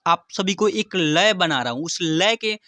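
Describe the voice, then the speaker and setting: Slow, dry-voiced male teacher. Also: sits high, animated, sharp tone, no echo. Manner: slow syllable-by-syllable recitation, stretching sounds; chatty direct address to students. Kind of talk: recorded lesson.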